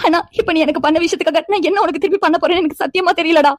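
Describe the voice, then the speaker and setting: An emotional young older-sister figure in a cartoon speaks earnestly. Her voice is high and quick, and the recording is dry. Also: dry recording. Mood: tearful. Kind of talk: animated cartoon dialogue.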